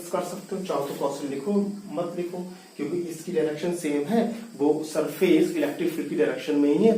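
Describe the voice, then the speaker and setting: A man's voice: sits high, mellow. A man teaching physics in a classroom-style lecture, asking questions and answering them himself, repeating key terms. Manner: repeats key terms, mixes English into speech. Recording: echoey room, voice from far off.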